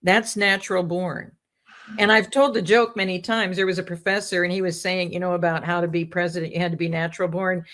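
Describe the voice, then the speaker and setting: A woman's voice: on the low side, little pitch movement, fairly quick, fairly bright tone. A woman guest in casual talk-show conversation, telling rambling stories with jokes and asides.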